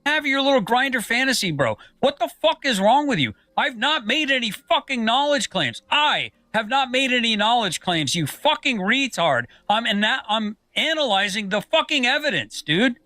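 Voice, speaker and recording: Male debater, hostile and profane, sharp high voice, dry close recording. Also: sing-song, moderate pace, hardly any pauses, dry recording. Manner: angry, profane, insulting. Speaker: online commentator in a debate. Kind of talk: heated online argument.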